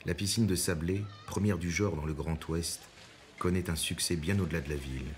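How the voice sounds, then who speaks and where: A man reading scripted documentary narration in a measured, composed way. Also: low voice, slight background noise.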